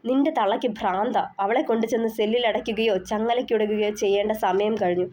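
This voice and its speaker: A woman's voice: medium pitch, steady tone, fast talker, lightly acted. Woman voicing a harsh, fearful older father. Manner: harsh, shouting. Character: fearful older father hiding a family secret.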